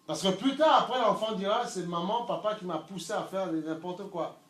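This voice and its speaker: A middle-aged man preaching a sermon, swinging from loud shouts to low murmurs and repeating words as he searches for them. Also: normal speed. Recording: echoey room, mic from far off, faint ambience.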